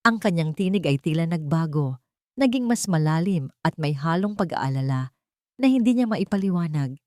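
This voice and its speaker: A woman's voice: low-pitched, lively intonation, normal speed, darkish tone, no echo, clean studio sound. A woman with a Filipino accent reading a scripted dramatic story as its narrator.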